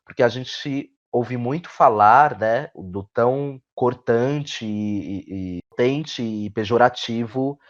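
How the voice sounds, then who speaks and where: Answering reflectively in an interview, a guest playwright and actor with a Brazilian accent hunts for words, repeats phrases and tends to close with tag questions. His medium-pitched voice moves slowly with few pauses, and the recording sounds dull and lo-fi.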